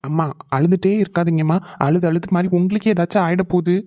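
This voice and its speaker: A man's voice: high-pitched, flat delivery, quick pace, dark tone, no echo, close to an everyday voice. A man voicing a grown son in a cartoon, earnestly coaxing his mother. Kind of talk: animated cartoon voice acting.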